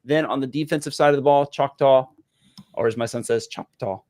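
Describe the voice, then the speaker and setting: A man, co-hosting a casual high school football talk show in an excitable, folksy, joking manner. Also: brisk. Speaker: podcast co-host.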